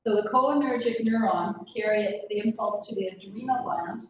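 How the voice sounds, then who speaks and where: A woman instructor gives a relaxed class lecture, chatty and quick to laugh. She sounds distant from the mic in a very echoey room. The recording is dull and muffled. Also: mid-range voice, a little hiss or hum.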